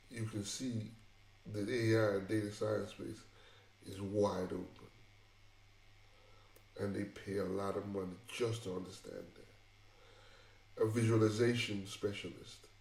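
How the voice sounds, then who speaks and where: A man's voice: on the low side, creaky, warm tone, echoey room. A man giving casual tech career advice in an emphatic, repetitive way, often restarting his phrases. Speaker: tech vlogger.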